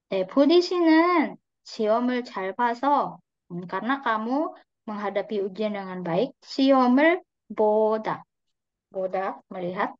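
Female language teacher, slow modeled words, muffled dry call audio. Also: on the high side, dry recording. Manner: patient, drawn-out model pronunciations. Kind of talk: online class explaining grammar. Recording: dry, slightly dull online call audio.

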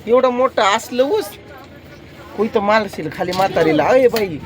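A man's voice: high voice, lively intonation, normal speed. A man vlogging, chatting and teasing as he rides outdoors on a farm vehicle. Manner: teasing, bantering. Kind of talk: casual vlog chat and teasing. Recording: loud outdoor vehicle noise.

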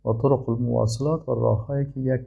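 A man teaching an Arabic grammar lesson. He reads Arabic sentences slowly and then explains them. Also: mid-range voice, level tone, creaky, breathy edge, muffled recording. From Afghanistan.

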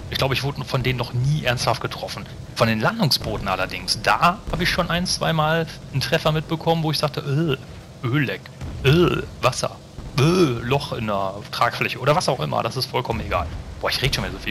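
A man's voice: mid-range voice, pushed and bright, slight background noise. A man giving casual, rambling gameplay commentary to his viewers, chatty and swearing now and then.

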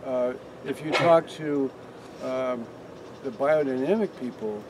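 An older man with a mid-range voice leads a group on a casual walking tour of his farm, speaking slowly over a noisy background. He rambles, restarting often and filling gaps with fillers, picked up by a camera among the standing group.

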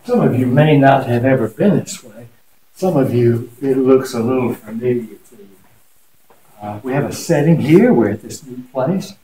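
A man's voice: medium pitch, expressive, moderate pace, dark tone. A man, a pastor, interviewing a guest in a chatty, joking way. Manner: folksy, chatty, jokes with guest. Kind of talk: casual interview. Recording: echoey, from far off, faint noise.

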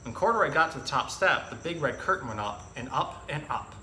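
Speaking to children as the zookeeper host of an animal storytime, a man in his thirties mixes casual, plain-spoken educational talk with reading from a picture book. His voice is bright and forward at an average pitch, with lively intonation and a fairly quick pace. He's in an indoor room with hard walls and a tiled floor that echoes, with faint noise behind him.

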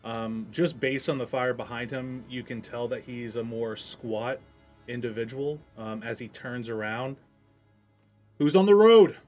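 A man narrates a tabletop game as its game master. He speaks in a relaxed, unhurried way, filling pauses with ums. His voice sits at an everyday middle pitch over faint background music.

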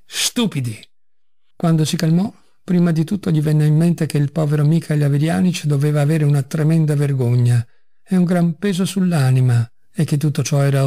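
A man narrating a classic story as an audiobook reader, with measured, dramatic storytelling. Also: on the high side, creaky, mellow.

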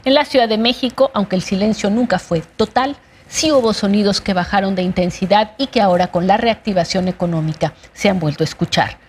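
A woman's voice: medium pitch, a little fast, hardly any pauses, a little hiss or hum. A middle-aged woman with a Mexican accent presents scripted news as a studio anchor. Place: television studio.

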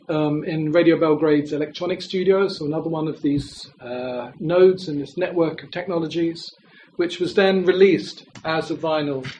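A man's voice: fairly high pitch, a little mellow, a little hiss or hum, low-quality recording. Man giving a thoughtful academic talk. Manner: thoughtful, exploratory, hedging phrasing. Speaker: lecturer. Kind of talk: academic presentation.

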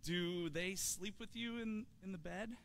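With a high-pitched, fairly bright voice and an unhurried delivery, a man in his thirties leads a children's sermon in a church sanctuary. He talks in a friendly way, asks questions, and restarts often, while church hall reverb and faint room noise color the audio.

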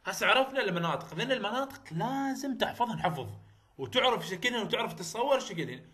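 A man with an Iraqi Arabic accent gives a university phonetics lecture in a high, animated, sharp voice at a quick pace. He repeats terms often, checks that students are following, and mixes English terms into his Arabic.

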